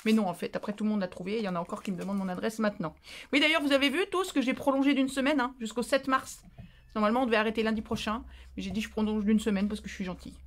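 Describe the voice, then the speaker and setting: Woman, tired, chatty and playful, exclaiming often, a little high-pitched, casual craft chat. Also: steady tone, racing. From France. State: tired, voice going. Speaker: craft channel host. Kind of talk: casual chat while opening mail.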